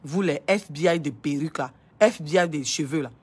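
Woman vlogger, young, husky lowish voice, scolding and emphatic, repeats herself. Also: brisk, a little mellow. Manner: scolding, repetitive, emphatic, stammers on repeated words. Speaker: online commentator. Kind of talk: impassioned casual monologue.

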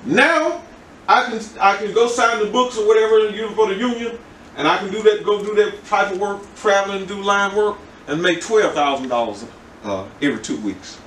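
A man's voice: high voice, expressive, moderate pace, fairly bright tone, distant mic, a little hiss or hum. An older man preaching a sermon as pastor, in a rambling, conversational way with many repeated words. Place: church. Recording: echoey room, from the mic.

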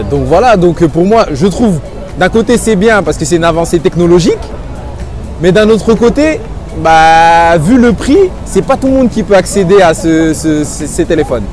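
Thoughtful young man, fairly high voice. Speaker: street interviewee. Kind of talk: street interview answers. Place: busy city avenue outdoors.

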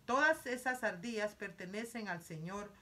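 A woman's voice: mid-range voice, lively intonation, normal speed, bright, forceful tone, slight background noise. A woman reading aloud as an indulgent wealthy mother who soothes and coaxes her spoiled daughter. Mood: coaxing. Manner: soothing, coaxing.

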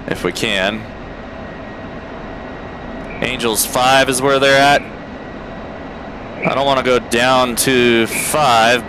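Slow-talking man commentating over cockpit noise. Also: medium pitch. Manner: muttering key presses and thinking aloud. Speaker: flight simulator player giving a walkthrough. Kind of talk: casual gameplay commentary. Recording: steady aircraft cockpit noise behind. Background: game aircraft engine drone.

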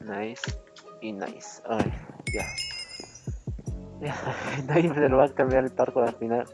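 A man's voice: mid-range voice, big pitch swings, slow, gravelly, loud music behind the voice. A man doing joking gameplay commentary as a streamer, his voice run through autotune that makes it sound robotic. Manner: playful, cursing, often laughing. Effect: autotune giving a robotic voice. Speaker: gaming streamer.

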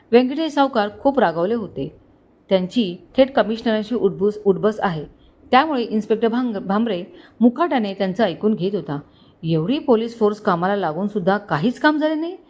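A woman's voice: medium pitch, warm tone. Woman narrating a Marathi story. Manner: reads all characters in one voice with small shifts.

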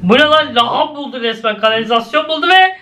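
A man's voice: lively intonation, fast, sharp tone, a little hiss or hum. A young man casually commenting as he reacts to cartoon clips, often exclaiming and laughing. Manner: exclaiming, laughing, swings between high and low.

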